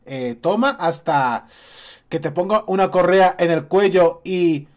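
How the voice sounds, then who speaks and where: A man's voice: high-pitched, a little slow, a little mellow. A man, ranting as a YouTube commentator, indignant and repeating his points. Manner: indignant, repeats points and mocks others in quotes. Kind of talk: opinion rant to camera.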